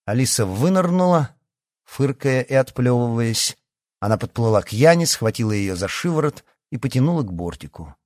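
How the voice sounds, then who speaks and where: A man narrating a story in an even, measured reading voice. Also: mid-range voice, dry recording, clean studio sound. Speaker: audiobook narrator.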